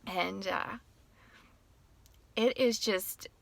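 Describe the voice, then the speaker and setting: A woman's voice: medium pitch, drawn-out words, gravelly, dry recording. A middle-aged woman talking casually in a personal vlog from her parked car, heartfelt and rambling, sometimes tearful. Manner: emotional, tearful at times, rambling. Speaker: author and teacher.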